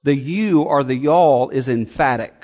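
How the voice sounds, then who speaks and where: A man preaching a sermon, slow and emphatic, repeating phrases for weight. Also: medium pitch, a little mellow, big-room sound.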